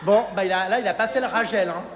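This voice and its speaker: A man hosting a casual backstage vlog, teasing and joking in an excitable way. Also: high-pitched, fast, background noise. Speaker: vlogger host. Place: large echoing indoor filming premises. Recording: echoey hall with crowd chatter.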